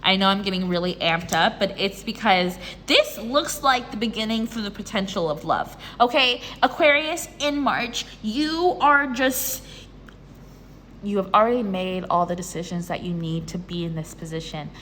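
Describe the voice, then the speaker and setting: A woman doing a casual tarot reading in a bubbly, excitable, chatty way. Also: medium pitch, moderate pace, slight background noise. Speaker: tarot reader. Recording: reverberant room with faint ambience.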